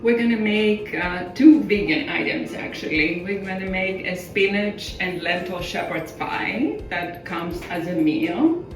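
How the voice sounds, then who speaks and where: In an echoey kitchen, a middle-aged chef and company founder from Crete, Greece calmly explains the steps of a home cooking demonstration. Her mid-range voice moves at a measured pace with hardly any pauses, and she lays out the steps plainly despite small grammar slips. She sits far from the mic, with faint music in the background.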